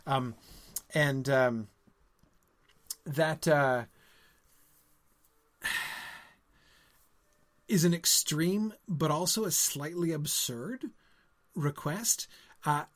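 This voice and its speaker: A man's voice: on the high side, extremely slow, long pauses, fairly bright tone. A man hosting a live book discussion, answering viewers. He talks in a hesitant way, with many ums, and ends his points with "right?". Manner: reads passages aloud between comments. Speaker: host of a book discussion stream.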